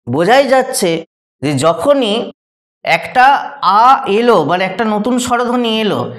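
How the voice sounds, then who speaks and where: A male teacher giving a grammar lesson, patiently repeating examples and asking rhetorical questions. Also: high-pitched. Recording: echoey room.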